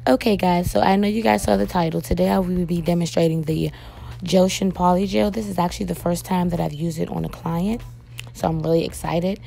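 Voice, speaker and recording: A hoarse young woman, a nail technician, chatting casually to viewers as she walks them through a tutorial. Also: lowish voice, steady tone, brisk, mellow. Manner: chatty, addresses viewers as "you guys", frequent "um". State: hoarse, voice cracking. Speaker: nail technician and beauty vlogger.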